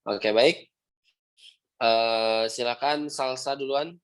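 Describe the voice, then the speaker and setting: Patient male Quran teacher, medium pitch. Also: fairly bright tone. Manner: patient, repeats sounds slowly, ends phrases with "ya". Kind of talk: online class instruction with recitation examples.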